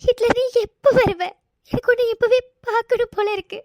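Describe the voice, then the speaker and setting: Brief: woman as gentle, self-blaming cartoon girl in tears; very high pleading voice, dry booth sound. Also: expressive, a little fast, no echo. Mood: tearful. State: crying. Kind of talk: cartoon voice acting.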